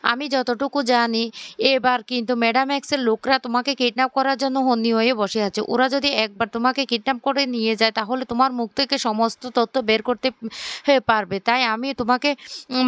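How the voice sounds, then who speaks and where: A woman's voice: on the high side, steady tone, fast talker, clear, resonant tone, no echo, natural voice. A woman voicing a stern, angry chief who gives firm orders in a retold story. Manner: stern, commanding.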